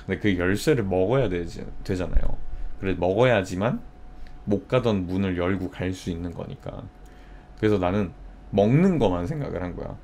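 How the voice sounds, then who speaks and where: A man's voice: sits low, animated, moderate pace, darkish tone, slight background noise. A young man streaming, chatting casually and telling a story with acted-out quotes. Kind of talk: casual live-stream chat.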